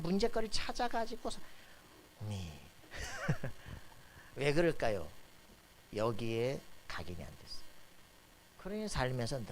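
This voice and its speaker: A pastor preaching a sermon, firing questions at the congregation and pressing for their answers. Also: male voice, medium pitch, a little hiss or hum. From Korea. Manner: call-and-response questions to the congregation, emphatic. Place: church sanctuary.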